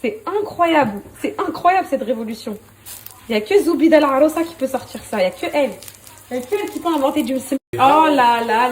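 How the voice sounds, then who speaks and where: A young mother and lifestyle influencer chats casually to her followers in a phone story filmed in her kitchen and garden, sounding bubbly and gushing. Her voice is high-pitched, recorded on a handheld phone with noise in the background.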